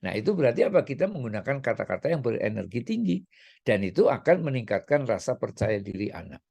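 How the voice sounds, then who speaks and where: A man's voice: medium pitch, sing-song, fast, vocal fry, darkish tone, husky. A middle-aged man as a parenting coach, talking in a chatty way with many fillers and tag questions. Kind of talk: casual talk.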